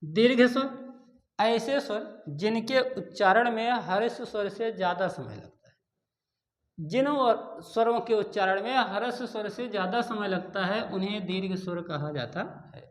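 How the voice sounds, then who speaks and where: Echoey man teaching a repetitive grammar lesson. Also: sits high. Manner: repeats key terms slowly, asks and answers own questions. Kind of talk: Hindi grammar lesson for exam students. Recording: echoey room.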